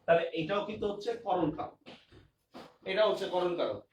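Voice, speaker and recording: This man's voice sits high, and he's expressive and fairly quick as he leads an online grammar lesson. He repeats examples and often asks if students get it, recorded in an echoey space with a distant mic and slight noise.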